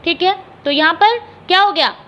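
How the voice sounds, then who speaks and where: A woman's voice: very high voice, muffled recording. A woman teaching an exam-prep English lesson. She explains each answer step by step, spells words out letter by letter and keeps checking in with her students. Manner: reads English questions slowly and deliberately.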